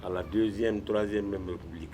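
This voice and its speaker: In a sit-down interview, a retired sports administrator from Guinea, now older, shares stories while often starting over and repeating himself. His low voice is dark and steady in tone and a little fast, and a faint hiss or hum runs underneath.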